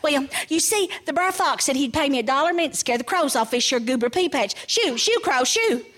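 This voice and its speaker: A woman voicing a sly, excitable male trickster rabbit in a folktale, with a folksy Southern American accent. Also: high-pitched, a little fast. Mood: wheedling, excited. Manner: hollering, wheedling, folksy dialect.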